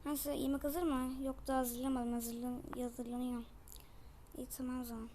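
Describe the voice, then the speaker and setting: A woman playing out a family in a toy game, chatty and quick, switching between voices. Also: sits high, flat delivery, dark tone, slight background noise. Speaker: game role-play narrator.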